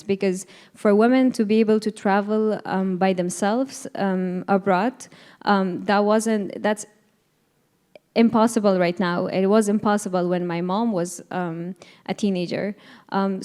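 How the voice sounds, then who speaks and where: Young woman in her 20s, panel speaker; smooth, warm tone, earnest and hesitant with lots of ums. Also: mid-range voice. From Afghanistan. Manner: earnest, hesitant, frequent fillers and restarts. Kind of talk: personal testimony at a panel event.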